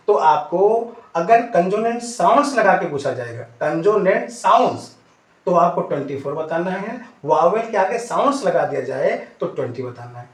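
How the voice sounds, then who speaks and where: High-voiced male teacher in an echoey room. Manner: asks questions and answers them himself, repeats points; addresses students fondly. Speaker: English teacher. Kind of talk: classroom-style lesson.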